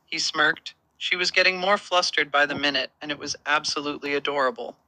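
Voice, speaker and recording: A male narrator reads a romance story in an even, steady manner. His voice sits a little high and sounds very bright and sharp. The sound is dry and close, with no room around it. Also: brisk, dry recording, poor audio.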